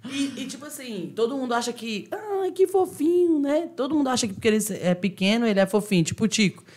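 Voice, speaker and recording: Joking woman comedian. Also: fairly high pitch. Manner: joking, quick asides. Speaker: stand-up comedian. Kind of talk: casual chat.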